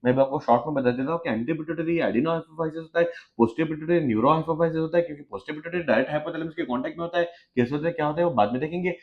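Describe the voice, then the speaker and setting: A man teaching biology in a classroom, firing questions at students and teasing them, with quick low asides. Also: narrow, tinny audio. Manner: quizzes students with repeated questions, teasing and joking. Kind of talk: lively classroom lecture.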